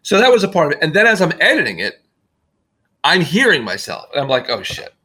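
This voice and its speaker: A man's voice: a little high, huge pitch swings, fast, sharp tone. A man being interviewed on a podcast, talking in a rambling, self-deprecating way with frequent restarts. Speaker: guest filmmaker. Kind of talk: casual podcast conversation.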